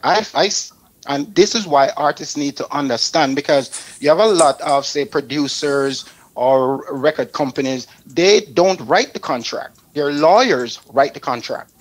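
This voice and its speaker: A man with a Jamaican accent and a voice on the high side hosts a talk show at a measured pace. Aiming his opinionated radio talk at artists, he is blunt and emphatic, restating his points again and again.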